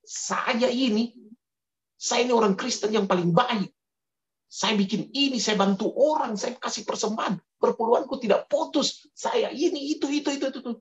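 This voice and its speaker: A man voicing a proud churchgoing woman who brags about her good deeds in a shrill, indignant way. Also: moderate pace. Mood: indignant boasting.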